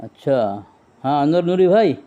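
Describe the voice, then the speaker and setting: A man's voice: fairly high pitch, normal speed, clean tone, phone-quality sound. A man in an argumentative phone conversation, insistently repeating short demands.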